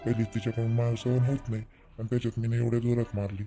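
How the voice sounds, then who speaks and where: A man voicing an older village father-in-law, who scolds loudly and then soothes. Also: mid-range voice, level tone, fast talker, over music, close to an everyday voice. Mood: questioning.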